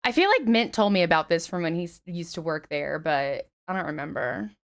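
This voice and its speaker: A streamer with a fairly low voice talks fairly quickly into her headset, greeting viewers in laid-back chat. Still slightly raspy from the flu, she is chatty, animated in her hellos and swears freely.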